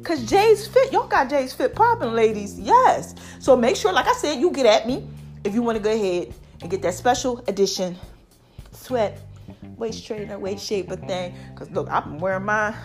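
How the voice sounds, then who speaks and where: A woman's voice: fairly high pitch, big pitch swings, moderate pace, a little mellow, faint music behind. An American woman in her forties talking casually and emphatically to her online audience like a motivational host, repeating catchphrases and checking in often, her voice slightly affected by allergies. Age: 40s. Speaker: online motivational host selling her own fitness line. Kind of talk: casual direct-to-audience monologue.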